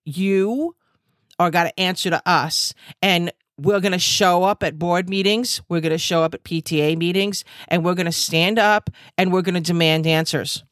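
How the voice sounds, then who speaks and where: Angry woman host with a low voice. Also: steady tone, moderate pace, fairly bright tone, dry recording, clean studio sound. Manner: angry, emphatic, repetitive, with many fillers. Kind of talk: impassioned monologue. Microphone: video call.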